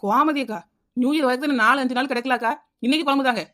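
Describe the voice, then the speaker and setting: A woman's voice: high voice, fast, sharp tone. A woman voicing a scatterbrained housewife in a comedy cartoon, chattering and wheedling, with a Kanyakumari Tamil accent. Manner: chattering, wheedling, repeats the neighbour's name.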